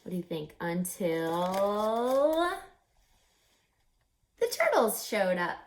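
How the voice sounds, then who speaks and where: In a mid-range voice with huge swings in pitch, a woman reads a picture book aloud. She takes a deliberate, instructive teacher's approach, with dramatic pauses and questions for young listeners.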